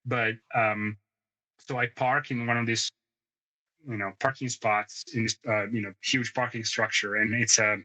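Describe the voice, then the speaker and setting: A man's voice: on the low side, little pitch movement, measured pace, pushed and bright, rough recording. A man in his thirties, co-hosting a podcast in casual conversation, who tells rambling stories, sidetracks and laughs often. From moved to the United States ten years ago. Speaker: podcast co-host.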